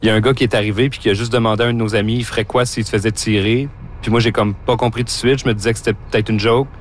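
A teenage student with a Québécois accent, recounting events through a voice changer that pitches the voice down to hide their identity. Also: fairly even intonation, racing, a little hiss or hum. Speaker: student witness.

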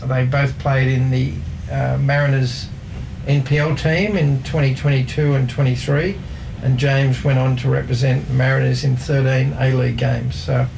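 A man, talking football facts in a casual radio chat, slow and hesitant with many fillers. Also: mid-range voice, flat delivery, creaky, noisy background. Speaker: football pundit.

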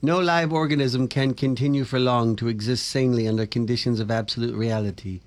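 Man reading in a hushed, dreamy voice. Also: mid-range voice, steady tone, a little fast. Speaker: radio morning show host. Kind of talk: casual radio chat, reading book openings aloud.

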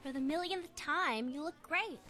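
An actress playing a supportive but exasperated young best friend, animated and emphatic, in a family radio drama. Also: female voice, high-pitched, measured pace, soft background music. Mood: reassuring.

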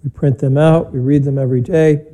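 Male priest at a pulpit microphone, mellow and warm, measured, plain-spoken. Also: mid-range voice, steady tone. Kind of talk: homily and spoken Mass prayers. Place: church during a broadcast Mass.

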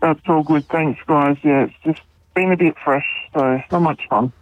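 A woman's voice: low voice, moderate pace, no echo. A woman calling in to a radio show, her voice run through a voice changer to hide who she is; she sounds subdued and hesitant, with many ums. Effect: voice changer disguising the voice. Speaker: anonymous caller. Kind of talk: casual radio call-in chat. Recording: tinny phone line.

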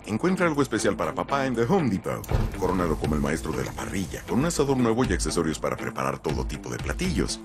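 Man, ad announcer, deep voice, animated scripted read, music behind.

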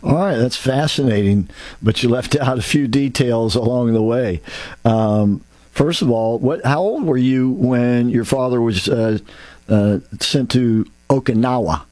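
A radio show host rambles in a folksy way on a casual talk show, restarting often and wandering into asides. His mid-range voice is unhurried and a bit dark in tone, captured in a dry recording.

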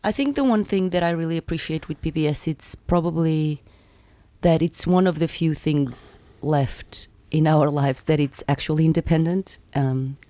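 A young woman from Portugal, a community radio presenter speaking as a guest in a thoughtful, measured way with small pauses. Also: low voice, dark tone, no echo. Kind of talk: radio interview. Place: radio studio.

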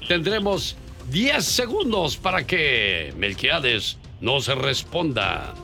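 A man's voice: a little high, sing-song, takes it slowly, vocal fry, pushed and bright. A male radio host who teases a caller with a mock-serious, showman delivery. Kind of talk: comic radio prank bit. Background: music bed.

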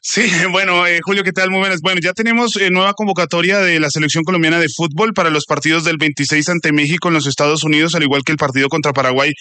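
A man with a bright, fairly high voice delivers the sports roundup on a radio news show. He keeps a brisk, upbeat delivery. The studio sound is close and dry. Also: fairly even intonation, no echo. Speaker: sports presenter.

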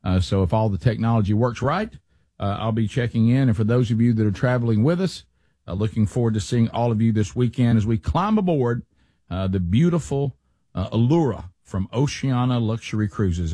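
Guy in his 60s hosting, folksy and rambling, warm lowish voice. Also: normal speed, no room sound, studio quality. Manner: chatty, folksy, many fillers and restarts. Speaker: radio show host. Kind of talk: casual chat.

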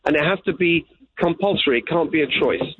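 Speaking briskly in a slightly rough voice pitched a little high, a male political candidate from England earnestly fields interview questions and keeps repeating what matters most to him. The sound is tinny, like a phone line, but carries no echo.

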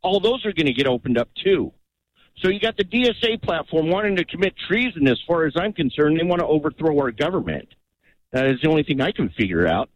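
Male radio caller, a bit high, agitated and rambling, muffled phone-line sound. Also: expressive, quick pace. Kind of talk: call-in radio. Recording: dull phone-line audio.

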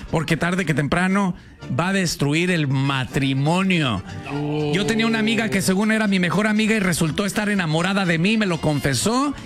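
A Mexican man hosting a comedy radio show in a studio, with a high voice. He jokes around lively and reads out listener messages. Faint music plays behind him. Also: fairly quick. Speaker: radio host.

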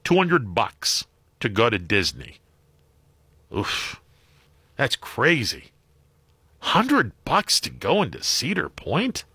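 Into a close studio microphone with no room sound, an American radio host speaks slowly in a husky, sharp, mid-range voice whose pitch swoops wildly, leaving long pauses. His casual call-in show, mixing monologue and caller chat, has a wry, hesitant, conversational feel.

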